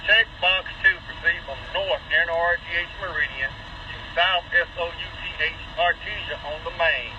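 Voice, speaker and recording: A man's voice: a little high, moderate pace. A man on a train crew speaking over a two-way radio, methodically reading numbers back digit by digit. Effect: two-way radio transmission. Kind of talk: radio procedure talk. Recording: muffled radio with engine noise.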